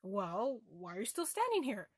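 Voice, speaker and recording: A woman's voice: mid-range voice, fairly even intonation, takes it slowly, dry recording, clean studio sound. A young woman playing her own mother, a matter-of-fact, bossy middle-aged parent who nags. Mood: scolding. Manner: nagging orders when scolding.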